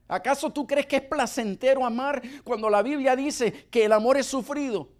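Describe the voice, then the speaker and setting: A man's voice: very high voice, normal speed. A middle-aged man preaching a sermon, acting out dialogues with God and his wife.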